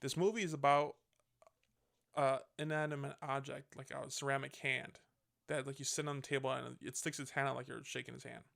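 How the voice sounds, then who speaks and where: Podcast host, male, gravelly edge, loose rambling recap style with casual swearing. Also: mid-range voice, fairly even intonation, a little fast, fairly bright tone. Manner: rambling, swears freely, self-correcting. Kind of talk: casual movie review chat.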